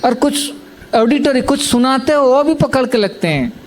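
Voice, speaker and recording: A man's voice: very high voice, moderate pace, slight background noise. A man giving a self-help talk, repeating points and often checking that listeners understand. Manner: repetitive, asks "samajh mein aaya?" to check understanding. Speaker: healing teacher.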